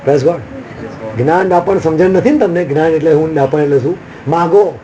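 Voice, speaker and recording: A man's voice: on the high side, moderate pace, mellow, highs cut off, a little hiss or hum. A man preaching a sermon as a pastor, with sudden emphatic rises and repeated refrains.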